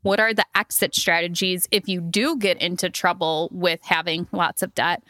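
A woman's voice: lowish voice, steady tone, moderate pace, pushed and bright, no echo, clean studio sound. A woman co-hosting a podcast in casual chat, chatty and laughing often, with many fillers. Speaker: podcast co-host.

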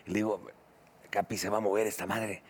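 A man's voice: on the low side, flat delivery, darkish tone, slightly rough. A man with a Mexican accent, a podcast co-host telling stories in casual chat, full of swearing. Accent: Mexican Spanish. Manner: profane, rapid storyteller.

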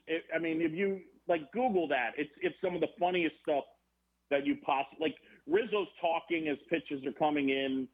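Man on a tinny phone line. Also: fairly high pitch. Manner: rambling, animated storyteller with many restarts. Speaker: baseball broadcaster, guest. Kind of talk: casual podcast conversation. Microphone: phone or remote call.

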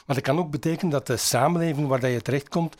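A man interviewing a guest, asking long, measured, probing questions. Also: a little high, a little mellow.

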